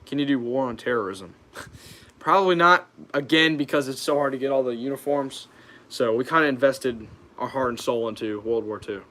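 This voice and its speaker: A man's voice: mid-range voice, normal speed, bright, forceful tone. Young American man chatting casually on a livestream. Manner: informal, hesitant, reads questions aloud then answers. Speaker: YouTube channel host.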